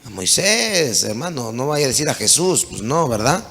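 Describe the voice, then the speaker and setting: A man's voice: medium pitch, big pitch swings, normal speed, fairly bright tone. A man preaching a sermon as pastor, calling out to the congregation with mounting intensity. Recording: long hall reverb.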